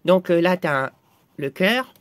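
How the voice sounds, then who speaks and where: A man doing a squeaky foul-mouthed little guy. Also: animated, a little slow, fairly bright tone, dry recording. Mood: panicked. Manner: crude swearing, bickering back and forth. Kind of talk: comedy sketch dialogue.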